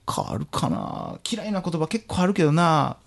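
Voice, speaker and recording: Man, Kansai accent, casual podcast chat, very animated pitch, rambling. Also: moderate pace, gravelly. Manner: chatty, lively, rambling asides. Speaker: podcast co-host.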